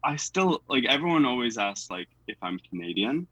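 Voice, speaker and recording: A man's voice: medium pitch, sing-song, moderate pace, pushed and bright, rough recording. A young American man with a General American accent, chatting as a guest with lots of fillers and little laughs. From United States. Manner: hesitant, filler-heavy talk with frequent laughs. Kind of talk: casual chat.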